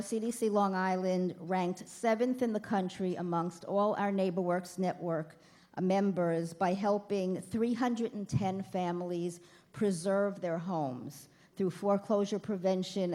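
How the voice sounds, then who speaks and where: A woman's voice: lowish voice, a little mellow. A woman in her fifties giving a chatty, self-deprecating speech at a gala, speaking to the crowd from a podium. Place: banquet hall.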